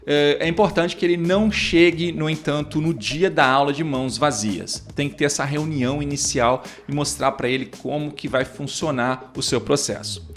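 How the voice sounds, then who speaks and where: A man's voice: fairly high pitch, normal speed, few pauses, faint music behind. A man teaching English, who explains lesson steps in a casual, talkative way full of fillers and restarts. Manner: talkative, many fillers and restarts, acts out teacher-student dialogues.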